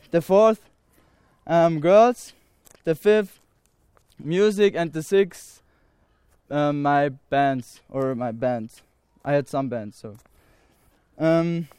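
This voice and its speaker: With a fairly high, darkish and clean-toned voice, a 19-year-old Austrian man delivers an earnest testimony to an audience. His Austrian German accent colors his halting English, which is full of pauses and restarts, and there is no room sound.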